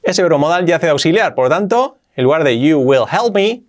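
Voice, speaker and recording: A man's voice: fairly high pitch, lively intonation, a little fast. A man with a Spain Spanish accent teaching English as a video lesson, emphatic and repeating example sentences.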